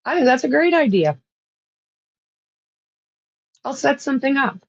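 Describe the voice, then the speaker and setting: Speaking at a measured pace in a high, animated, creaky voice, a Canadian-accented livestream host chats casually with her live viewers. She rambles and laughs frequently, and the recording is dry and muffled.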